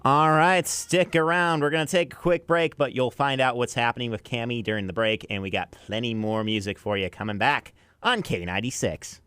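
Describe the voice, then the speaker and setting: Brisk and with few pauses, an American radio DJ works his afternoon drive music show, bridging songs and reading sponsor messages. Recorded in a studio on a close broadcast mic, his medium-pitched voice is clean and a little bright.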